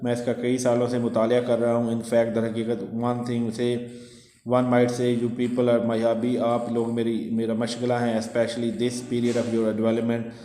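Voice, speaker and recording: A man with a Pakistani accent, an English teacher reading a textbook aloud and translating it word by word in a slow, deliberate way. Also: mid-range voice, monotone, warm tone. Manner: slow, deliberate reading, repeating words with meanings. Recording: echoey hall with long reverb.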